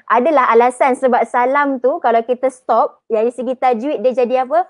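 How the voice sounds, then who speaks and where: In a live online Arabic pronunciation lesson, a chatty woman with a Malaysian Malay accent stretches example words out slowly. Her voice sits high and steady, with no room sound.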